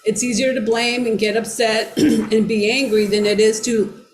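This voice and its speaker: Woman coach musing slowly, lots of uhs, echoey room w/ a little hiss. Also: a little high, level tone. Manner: reflective, halting, many fillers and restarts. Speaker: brain-training coach. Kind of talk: teaching an online class. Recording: roomy echo with faint background noise.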